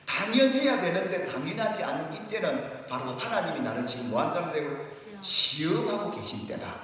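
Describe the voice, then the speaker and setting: Male pastor preaching, slightly high voice, lively delivery, distant mic in a reverberant church hall. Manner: animated preaching, often acts out complaints as questions. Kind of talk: sermon.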